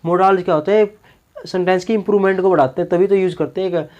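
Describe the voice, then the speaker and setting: A man's voice: high voice, steady tone, fast talker, a little mellow, muffled recording. A male teacher giving a classroom grammar lecture, peppering it with rhetorical questions and repeated "okay ji" check-ins.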